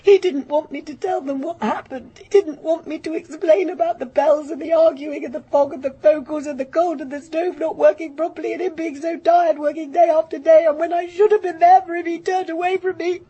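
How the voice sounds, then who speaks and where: In a radio drama, a woman voices a stubborn grown daughter weighed down by guilt, her confession halting, anguished and bitter, often sinking to a murmur. Her very high-pitched voice is warm, with fairly even intonation.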